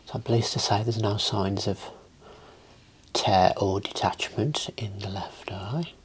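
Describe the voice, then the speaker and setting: In an ASMR eye exam roleplay, a man speaks slowly and softly, mostly whispering with a breathy edge, as an optometrist calmly offering reassuring instructions. His pitch is fairly low.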